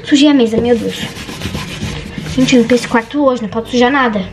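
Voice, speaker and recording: Nervous high-voiced girl vlogging. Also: a little fast, recorded from a distance. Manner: nervous, chatty, says "gente" constantly. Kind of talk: casual vlog chat. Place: bedroom at home. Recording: echoey room with background noise. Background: household noise.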